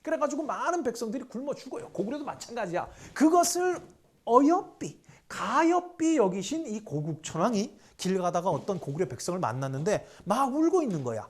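Animated male history lecturer. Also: high-pitched, fairly quick. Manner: animated, asks rhetorical questions, mixes polite and casual speech. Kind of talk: lively classroom lecture.

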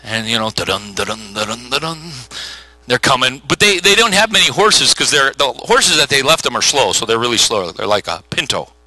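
A middle-aged male pastor preaching a sermon, telling the story with lively acted-out voices. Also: mid-range voice, a little fast, hardly any pauses, no echo, poor audio. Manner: animated storytelling with voiced characters.

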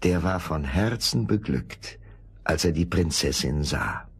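A man narrating a fairy tale in an expressive storytelling style. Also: sits low, a little slow, husky.

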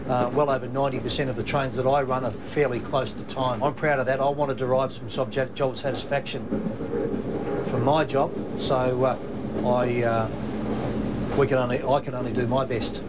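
A man's voice: medium pitch, steady tone, background noise. Plain-spoken middle-aged Australian man. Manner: plain-spoken, halting with fillers. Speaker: train driver. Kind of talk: casual documentary interview. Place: train driver's cab.

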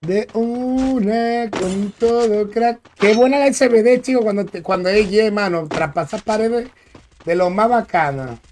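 Young man, gaming streamer, easygoing live chat, high voice, greets viewers by name. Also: normal speed, very noisy. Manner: laid-back, repeats phrases, greets viewers by name.

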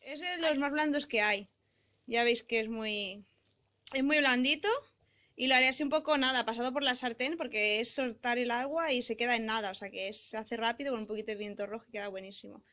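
A woman's voice: a little high, fairly quick, bright, forceful tone. A young woman chatting cheerfully to a handheld camera at arm's length in her small apartment, explaining what she is showing. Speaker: vlogger. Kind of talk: casual vlog chat to camera. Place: small apartment kitchen and room indoors.

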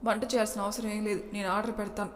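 A woman's voice: medium pitch, little pitch movement, rapid-fire, big-room sound, slight background noise, natural voice. A woman narrator voicing an angry, protective young husband who scolds and insists. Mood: scolding.

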